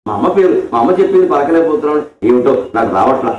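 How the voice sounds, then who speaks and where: A man gives a lively devotional discourse, explaining a story warmly and now and then slowing into chanted verse. His voice sits high. It sounds picked up from a distance in a reverberant hall, with a dull, lo-fi tone. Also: a little hiss or hum. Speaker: spiritual discourse speaker.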